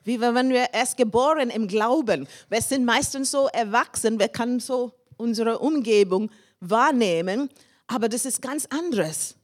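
Woman, sermon, animated storytelling, frequent laughter, fairly high voice. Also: measured pace. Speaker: preacher.

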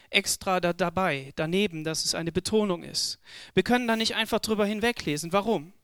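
Guy preaching a sermon, high smooth voice, slow and emphatic, repeats words, dry close sound. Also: fairly bright tone, no echo.

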